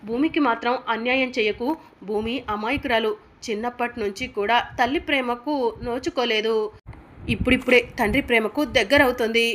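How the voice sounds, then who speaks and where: A woman's voice: fairly high pitch, fairly even intonation, a little fast, fairly bright tone, slight background noise, close to an everyday voice. A woman reading the lines of an earnest mother who pleads for fairness in a serial recap. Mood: pleading.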